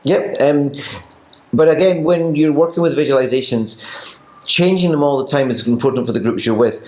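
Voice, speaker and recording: A man's voice: fairly high pitch, moderate pace, a little mellow. A man with a Scottish accent, a Pilates teacher co-hosting a casual chat, with wry, teasing asides. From Scotland. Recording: roomy echo.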